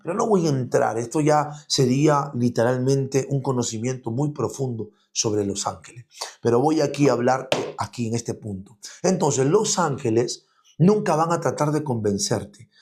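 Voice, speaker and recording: A man's voice: mid-range voice, normal speed, darkish tone. A man preaching an online teaching sermon, speaking as an apostle to his audience. He is emphatic and keeps turning to his listeners with rhetorical questions. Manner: emphatic, repeats "escúchame bien".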